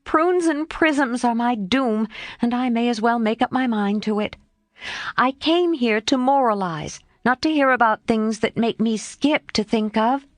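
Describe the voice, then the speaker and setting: A woman reading an audiobook voicing a spirited, tomboyish teenage girl, earnest and lively. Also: a little high, a little slow, no echo, pitched above the performer's own voice, lightly acted.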